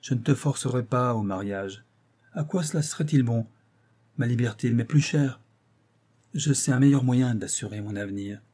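A man's voice: mid-range voice, normal speed, mellow, lightly acted. A male audiobook reader voicing a scornful, cruel young actress who taunts her lover with icy mockery. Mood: mocking. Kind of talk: audiobook reading.

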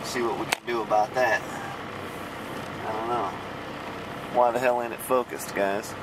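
A man's voice: mid-range voice, steady tone, unhurried. A man driving a truck, talking casually to his viewers and muttering to himself as he drives, with casual swearing. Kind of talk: casual running commentary while driving. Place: inside a truck cab, driving at dusk. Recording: engine and road noise in the cab.

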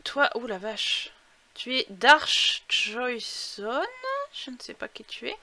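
A young woman giving chatty, excitable commentary while playing a life-simulation game, talking through a headset mic. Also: on the high side, slow pace, crowd noise. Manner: chatty, excitable outbursts, thinks aloud. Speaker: gaming YouTuber. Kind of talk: casual let's-play commentary.

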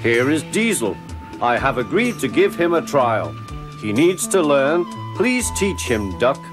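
A man's voice: mid-range voice, big pitch swings, unhurried, over music, voice pushed up. A man voicing a stout, formal male railway boss in a storybook reading, earnest and proper.

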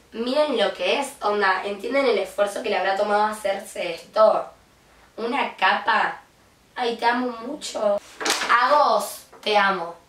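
An excitable young Argentine woman opens gifts on her vlog, gushing and squealing between slow, unhurried remarks. Her voice bounces around a roomy space and sits some distance from the mic, with faint noise underneath. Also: a little high. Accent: Argentine Spanish. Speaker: vlogger. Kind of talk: unboxing vlog.

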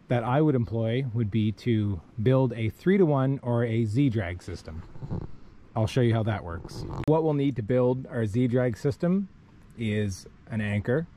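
A man with a medium-pitched, mellow voice and lively intonation teaches kayak rescue rigging at a measured pace, handling the ropes on a rocky riverbank. His plain, methodical step-by-step demo is recorded by a camera he wears on his body.

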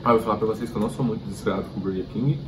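Brazilian man, lowish voice, talking while chewing, casual food-review chat over clear background noise. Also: rapid-fire. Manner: chatty, addresses viewers directly.

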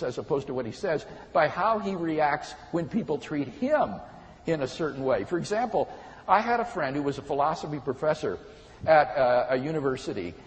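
A man giving an earnest, measured talk on moral philosophy, illustrating his points with stories. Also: a little high, long reverb tail, poor audio. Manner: measured and earnest, storytelling examples. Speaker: speaker on philosophy. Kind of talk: explanatory talk.

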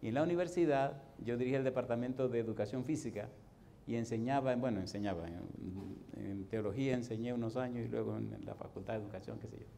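A middle-aged man preaching a sermon as pastor, animated and swinging from soft to loud. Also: mid-range voice, quick pace, gravelly, a little hiss or hum.

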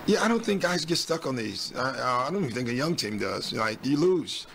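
A man's voice: medium pitch, big pitch swings, normal speed, gravelly, fairly bright tone, slight background noise. A man in his sixties, a head coach answering reporters at a postgame press conference on a desk mic, blunt and matter-of-fact with frequent ums. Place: team press room. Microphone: desk mic on stand.

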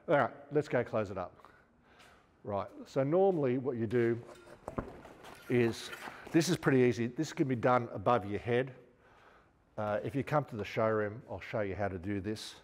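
A man's voice: mid-range voice, expressive, normal speed, big-room sound, a little hiss or hum. A man in his fifties with an Australian accent, chatting casually as he demonstrates gear hands-on in a showroom. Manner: chatty, hands-on, talks while working. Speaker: outdoor gear store presenter. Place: large indoor showroom.

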